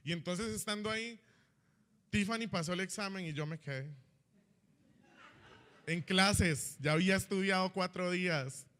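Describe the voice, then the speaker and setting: A young man telling his personal testimony in church as an animated storyteller who keeps asking "¿verdad?". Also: high-pitched, moderate pace, pauses often. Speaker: church member giving a testimony. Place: church hall.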